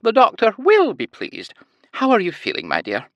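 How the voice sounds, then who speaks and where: Cheery elderly Scottish nurse, voiced by a man, high and sing-song, punches key words, audiobook. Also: wildly swooping pitch, moderate pace, no echo, highs cut off. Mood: sweetly cheery.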